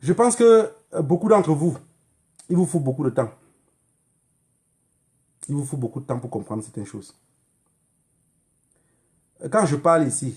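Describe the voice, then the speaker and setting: Addressing viewers on a political livestream, a Cameroonian-accented man speaks in a fairly high voice with a darkish tone. This online activist is emphatic and admonishing, repeating phrases and adding rhetorical questions.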